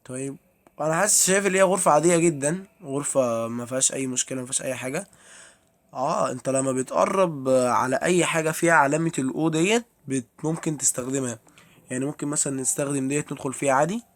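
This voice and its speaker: A man's voice: medium pitch, fast talker. A young man with an Egyptian Arabic accent giving chatty commentary while playing a horror game and talking to his viewers. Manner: chatty, addresses viewers, easily startled. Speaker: gameplay streamer.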